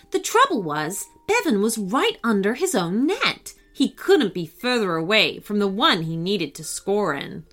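A woman narrating a children's story in an expressive, animated way. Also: fairly high pitch.

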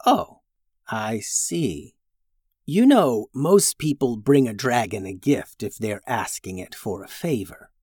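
A grumpy female crystal dragon, grumbling low and quiet, irritated by visitors and eyeing the horses as snacks, as a storyteller puts her on. The voice sits close and dry, with no room around it. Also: animated, slow, husky, dry recording.

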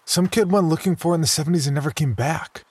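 A man's voice: a little high, fast talker, darkish tone, husky. A man voicing Jamie, a cautious twelve-year-old small-town boy, in a horror story, speaking in a reluctant, matter-of-fact way. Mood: wary.

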